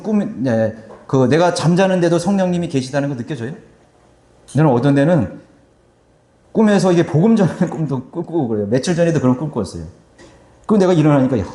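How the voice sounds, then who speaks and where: A male pastor preaching a sermon with animated delivery, acting out quoted voices. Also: fairly high pitch, echoey room. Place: church sanctuary.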